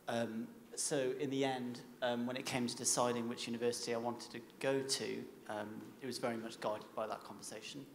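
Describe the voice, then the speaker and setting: A man's voice: mid-range voice, creaky. A man, giving a reflective, hesitant personal talk on an informal panel. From South Wales. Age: 20s. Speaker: panel speaker, recent music graduate. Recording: echoey hall, long reverb, faint noise.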